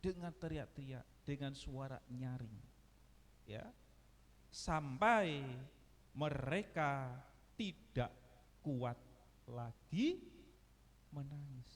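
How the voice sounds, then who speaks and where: A man preaching a sermon as pastor, swinging between loud and soft and asking the congregation questions. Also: mid-range voice, expressive, very slow, pauses often, big-room sound. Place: church hall.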